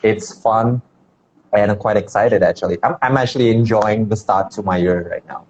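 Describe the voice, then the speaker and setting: A man from India, a dance teacher, speaking on a video call in a relaxed, rambling way full of "like"s. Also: lowish voice, normal speed. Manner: relaxed, rambling, many fillers like "like". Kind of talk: casual video-call conversation. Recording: dull lo-fi video call audio with faint background noise.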